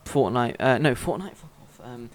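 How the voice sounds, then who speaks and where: A young man in casual chat about video games, blunt and quick to swear. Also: medium pitch, animated, poor audio. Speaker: gaming YouTuber. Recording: faint noise with clicks.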